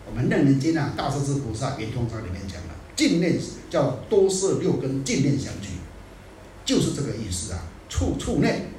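Man, Buddhist dharma talk, scolding and animated, English phrases slipped in, echoey room, faint background noise. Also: mid-range voice, moderate pace. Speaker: Buddhist teacher. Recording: echoey room, distant mic.

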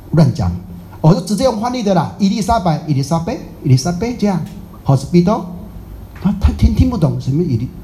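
A mellow, middle-aged man gives a dharma talk as a Buddhist master. He tells stories in a lively way, acting out other people's voices and chuckling as he goes. His pitch sits in an ordinary male range, and a faint hum of room noise runs behind him. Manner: animated, acts out voices, chuckles, slips in English phrases.

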